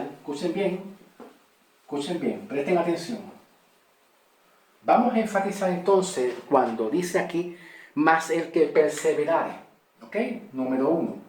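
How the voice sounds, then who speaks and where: A man teaching a Bible lesson, tired and speaking slowly, with a somewhat high voice. He keeps repeating key words and asks "ok?" after each point. The sound is echoey, picked up from a distance. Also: slight background noise.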